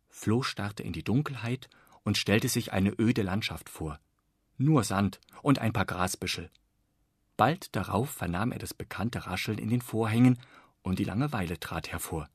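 A man reading a children's radio story aloud in gentle, even storytelling. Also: fairly low pitch, breathy edge, no echo, clean studio sound. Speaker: reader.

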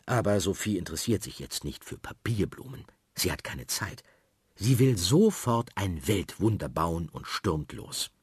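A man reads a children's story aloud with a lively, swinging melody. His voice sits low and husky, and the sound is dry and close. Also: a little slow, no echo. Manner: lively and expressive.

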